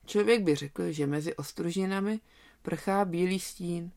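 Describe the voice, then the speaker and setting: A storyteller reading a children's animal tale aloud in a calm, even manner. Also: mid-range voice, gravelly.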